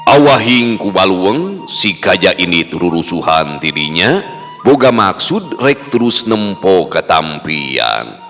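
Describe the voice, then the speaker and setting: A man narrating a folk tale in a slow, rhythmic storytelling manner. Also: sits low, sharp tone. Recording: long reverb with faint music.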